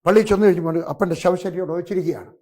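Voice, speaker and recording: An older man with a Keralite Malayalam accent, a pastor telling a personal story in a sermon, moving between loud exclamations and hushed asides. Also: high-pitched, steady tone, racing.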